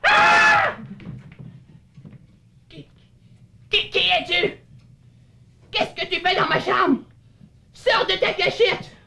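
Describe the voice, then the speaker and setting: A woman's voice: very high-pitched, steady tone, takes it slowly, gravelly, pauses often, pushed and bright, exaggerated voice. A woman voicing a curious, childlike little male puppet character who stammers when surprised, in a children's puppet show. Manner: playful, stammering, wonder-struck.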